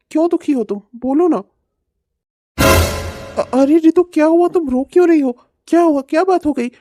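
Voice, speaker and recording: A woman's voice: high-pitched, mellow, dry recording, clean studio sound, lightly acted. A woman voicing an eager, loving young man in a cartoon, talking earnestly and pleading. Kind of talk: cartoon voice acting.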